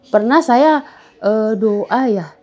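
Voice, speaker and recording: A woman's voice: a little high, lively intonation, slow pace, a little mellow. A middle-aged woman giving a spoken testimony in a casual interview, talking in an earnest, rambling way with many fillers and restarts.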